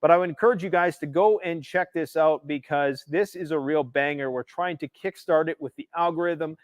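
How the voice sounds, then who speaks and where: A man's voice: a little high, moderate pace, no room sound. A Canadian man hosting a political livestream, ranting emphatically and sarcastically about world events. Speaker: livestream host.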